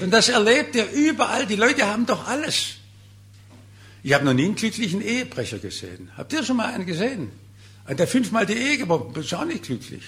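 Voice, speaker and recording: An older man preaching a sermon in an earnest, exhorting manner. His voice climbs to emphatic peaks and drops to quiet asides. He slows down deliberately when reading scripture. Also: high voice. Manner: earnest, exhorting, voice rising and falling sharply.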